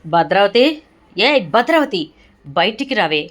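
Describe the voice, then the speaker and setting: A woman voicing a stern, angry middle-aged family patriarch in a retold serial, scolding and shouting. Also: on the high side, lively intonation, fairly quick, pitched above the performer's own voice, natural voice.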